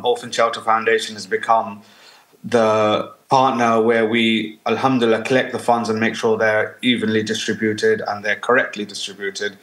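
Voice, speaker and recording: A man from Bangladesh, a charity guest in a casual interview, speaking earnestly and halting often with fillers. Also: lowish voice, fairly bright tone. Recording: roomy echo.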